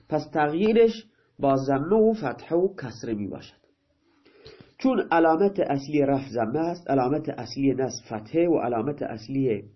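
Man teaching a grammar lesson. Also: fairly high pitch. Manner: reads a line of text, then explains it in plain talk. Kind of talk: grammar lesson, reading and translating. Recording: dull, lo-fi recording.

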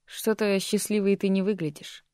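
Woman reading Daniel, a calm patronizing man. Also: mid-range voice, moderate pace, smooth, no echo, studio quality, lightly acted. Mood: concerned. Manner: soft-spoken, patronizing. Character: calm condescending man, heroine's ex-lover and former teacher.

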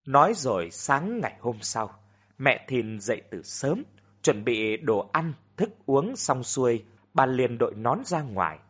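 A man narrating a dramatic folk story in an expressive, emotional way. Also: medium pitch, measured pace, breathy edge.

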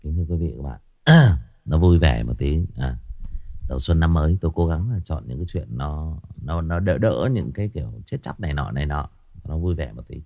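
A man narrating a story in a lively, expressive way, then chatting casually to listeners with many fillers. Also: a bass voice, fairly quick, vocal fry, dry recording.

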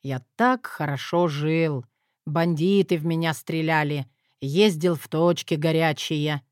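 A woman voicing a hoarse, gruff young man who grumbles wearily in an audiobook. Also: sits low, fairly even intonation, a little slow, no echo, clean studio sound. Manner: grumbling, weary.

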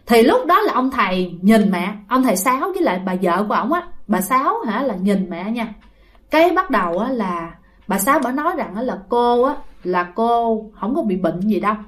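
A woman's voice: on the high side, very animated, moderate pace. Chatty Southern Vietnamese woman storyteller. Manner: chatty, addresses listeners directly, many fillers. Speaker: ghost story narrator. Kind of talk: casual spoken storytelling.

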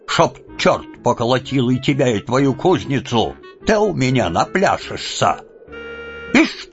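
Storybook role: a man playing a stubborn old Cossack, high and grumbling, mutters and flares up; dull recording. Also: creaky, a little mellow, heavily acted. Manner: muttering to himself, indignant outbursts. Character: aging grumbling Cossack villager, stubborn and resentful. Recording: dull lo-fi audiobook, faint music.

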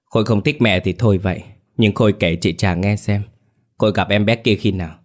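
A man voicing a young mother who coaxes her brother gently and anxiously. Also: lowish voice, fairly quick, close to an everyday voice. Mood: coaxing.

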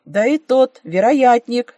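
A woman's voice: a little high, expressive, slow, mellow, no room sound, studio quality, voice pushed up. A woman voicing a grumpy, fussy old hunchbacked gatekeeper in an audiobook, scolding in a bureaucratic way. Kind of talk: audiobook reading.

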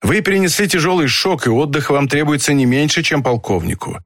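A man reading an audiobook, voicing a stern, measured police inspector. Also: on the high side, lively intonation, a bit bright, no echo, studio quality. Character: middle-aged male police inspector, stern.

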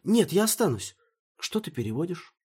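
A man's voice: a little high, big pitch swings, normal speed, darkish tone, husky, pitched above the performer's own voice, full character voice. A man reading an audiobook, voicing an anxious, pleading young woman in a dream with urgent, emotional delivery. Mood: eager. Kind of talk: audiobook character voice.

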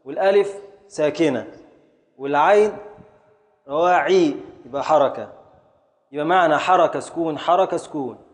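A man's voice: on the high side, normal speed, long pauses, big-room sound. A man with an Egyptian Arabic accent teaching a classroom lesson, drilling his students step by step with repeated questions.

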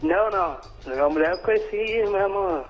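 A man speaks over a dull, muffled phone line into a radio studio. His voice sits fairly high, and he talks in a halting, repeating way. Faint music plays under the call. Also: expressive. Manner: halting, repeats words while searching for what to say. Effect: heard over a phone line. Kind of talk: casual phone-in chat.

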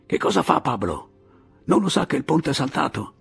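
An impatient, rough guerrilla fighter snaps out urgent questions, his voice pushed up higher and louder, as a male reader voices him. The tone is gravelly and husky. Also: moderate pace, faint music behind, full character voice. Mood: agitated. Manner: excited, urgent, swearing.

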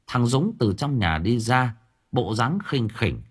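Husky guy reading a story aloud, lively, lowish voice. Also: slow pace. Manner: expressive storytelling. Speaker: audiobook narrator. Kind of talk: scripted narration.

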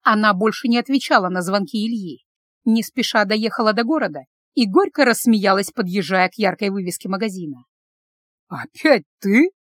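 A woman's voice: mid-range voice, a little fast, fairly bright tone, no room sound, studio quality. A woman narrating a dramatic audiobook story with emotion.

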